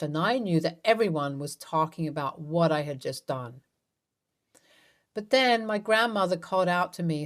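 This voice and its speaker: Woman narrating a dramatic story. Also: lowish voice. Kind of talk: first-person story narration.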